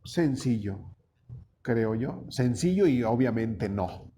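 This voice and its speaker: Folksy pastor, conversational sermon. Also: male voice, medium pitch, lively intonation, slow, warm tone, slight background noise. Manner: folksy, asks the congregation questions often.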